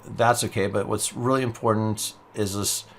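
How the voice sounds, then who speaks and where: Patient male coding instructor, slightly low voice, walks through each step over soft typing. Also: fairly even intonation, normal speed, slight background noise. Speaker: programming teacher. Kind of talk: screen-recorded coding tutorial.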